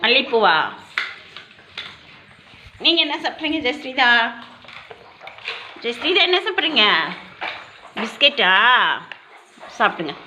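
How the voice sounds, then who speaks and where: A woman teaching small children in a classroom, asking each child by name and repeating their answers in a gentle, coaxing sing-song. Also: high-pitched, very animated, takes it slowly, long pauses, a little hiss or hum. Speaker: preschool teacher.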